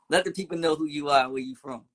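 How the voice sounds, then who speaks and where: A man's voice: fairly high pitch, fairly bright tone. Easygoing male host on a video call. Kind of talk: hosting a video call chat.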